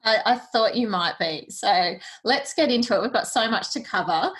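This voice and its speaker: A woman's voice: mid-range voice, expressive, normal speed. A woman hosting a careers podcast, introducing her guest and guiding the talk with friendly questions. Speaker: podcast host and career coach. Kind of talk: podcast interview.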